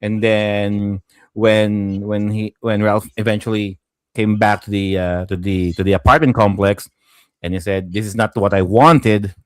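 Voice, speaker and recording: A man on a podcast panel in casual movie talk, animated and acting out scenes, swearing now and then. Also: lowish voice, unhurried, clear, resonant tone, dry recording. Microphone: video call mic.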